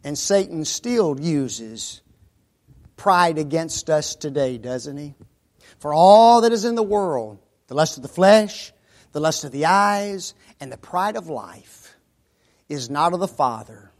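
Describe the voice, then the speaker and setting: Male pastor with a high voice, preaching to a congregation with rhetorical questions and shouted emphasis. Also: animated, takes it slowly. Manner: swings from quiet asides to loud shouted emphasis; quotes scripture in old-style wording. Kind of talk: sermon.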